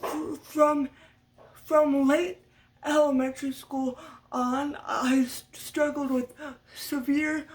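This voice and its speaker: This is a sit-down story-time talk from a young woman vlogger at home, her dog nearby. She speaks slowly and flatly in a voice that sits high, often stuttering as she repeats sounds, and she's slightly far from the mic.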